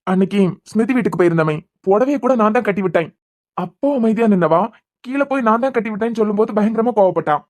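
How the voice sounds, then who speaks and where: A hot-tempered young man, voiced by a woman, argues at a rapid clip in a Kanyakumari Tamil accent. His scolding, argumentative manner suits a homemade cartoon serial. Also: mid-range voice, darkish tone, lightly acted. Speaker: voice artist.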